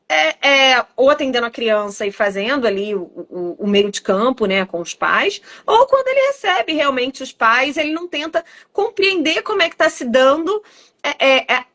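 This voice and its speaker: A woman with a fairly high voice speaks in a relaxed podcast chat. She is a psychologist and a mother, and she tells stories with energy, playing out the back-and-forth of past conversations. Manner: lively storyteller who acts out remembered exchanges.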